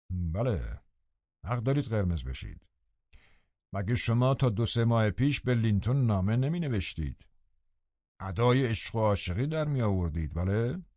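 A man's voice: fairly low pitch, no echo. A man plays a scheming, brooding landowner in an audiobook. The voice stays menacing and heavy. The recording is dry and slightly dull. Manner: menacing, then loudly pleading. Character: scheming brooding middle-aged male landowner.

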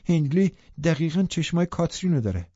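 A man's voice: fairly high pitch, lively intonation, warm tone, husky, no echo, lo-fi sound, voice pushed up. A man voicing a distressed, defiant young woman in an audiobook, speaking in a heated, pointed way.

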